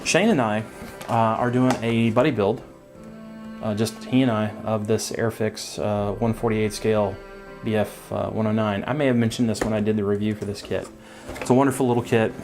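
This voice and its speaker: A man giving a casual update on his scale model hobby channel, talking in a relaxed, rambling way with lots of ums and uhs from his workbench. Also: lowish voice, moderate pace, music in the background.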